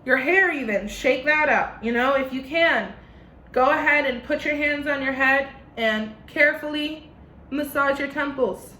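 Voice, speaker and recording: A woman's voice: high voice, measured pace, pushed and bright, echoey room, a little hiss or hum. A young woman with a slight lisp teaching an online singing lesson from her living room, giving step-by-step instructions.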